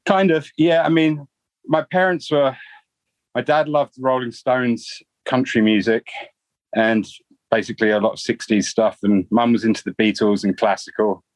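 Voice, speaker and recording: Here a guitarist from England in his forties speaks at a normal speed with a medium-pitched voice and no room sound. The interview chat is relaxed and meandering, full of fillers, delivered in a London accent.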